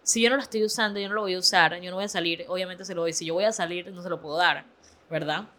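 A woman hosting a casual chat with friends, telling stories about her sister in a lively, chatty way. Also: fairly low pitch, fast talker. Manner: chatty, animated storytelling. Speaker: podcast host.

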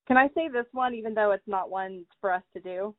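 A woman's voice: medium pitch, fairly quick, no room sound. Chatty woman on a tinny line. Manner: chatty, thinks aloud with many "like"s. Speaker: podcast co-host. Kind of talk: casual book podcast chat. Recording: tinny phone-like dry audio.

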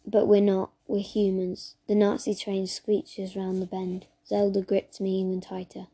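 A woman reading a children's story aloud as narrator, steady and even, with small slips. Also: mid-range voice, a little slow, slightly rough.

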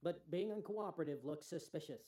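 Male actor as a cold official, dark-toned, fake courtesy. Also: a little high, fairly quick, lightly acted. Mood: threatening. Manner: coldly threatening, falsely polite. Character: threatening male official at a door.

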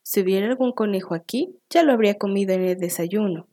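A woman's voice: mid-range voice, fast, mellow, lightly acted. A woman voicing a hungry, sly male fox who growls and gives orders in a storybook reading. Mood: gruff, greedy. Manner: growling, bossy.

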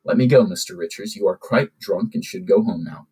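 A man's voice: low voice, fairly quick, dark tone, husky, rough recording. A man voicing a poised young princess who speaks in a prim, formal way. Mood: cool. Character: elegant princess, young woman, cool and formal.

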